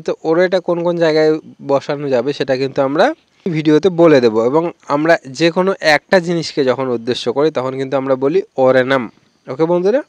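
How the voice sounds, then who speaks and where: A man teaching Malayalam numbers in a YouTube lesson, slowly repeating each word and keeping up a steady stream of "okay friends.". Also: fairly high pitch, dry recording. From Bengal. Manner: repetitive, keeps saying "okay friends". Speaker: language teacher.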